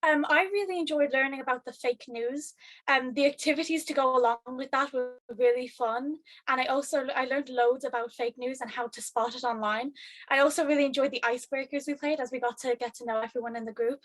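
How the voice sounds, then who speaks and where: Casting: teenage female, Irish accent, high voice, dry recording, interview answers. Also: steady tone, a little fast, fairly bright tone, dry recording. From eastern Ireland (Kildare). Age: teens. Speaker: youth advocacy group member.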